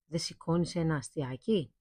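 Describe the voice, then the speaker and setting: A woman's voice: deep voice, dark tone, no echo, clean studio sound. A woman voicing a curious, amused caliph posing as a merchant. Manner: polite, amused.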